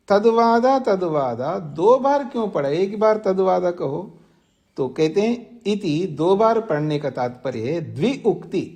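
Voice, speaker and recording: A man teaches a scripture class in an unhurried, measured way, reciting verse terms and breaking them down word by word. His voice sits on the higher side for a man, and he often pauses to ask his listeners questions. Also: a little mellow. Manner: slow deliberate explaining, recites and repeats Sanskrit terms. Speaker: teacher of Vedanta sutras. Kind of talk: scriptural lecture. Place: ashram class.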